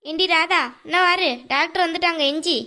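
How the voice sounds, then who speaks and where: A woman voicing a sharp-tongued, nagging middle-aged mother-in-law in a cartoon, scolding and mocking. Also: very high-pitched, steady tone, fairly quick. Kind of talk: cartoon voice acting.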